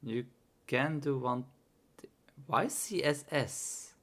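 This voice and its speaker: Speaking slowly in a mid-range, fairly bright voice that sounds worn and tired, a young man codes live on a casual stream. He mutters under his breath and lets his thoughts trail off.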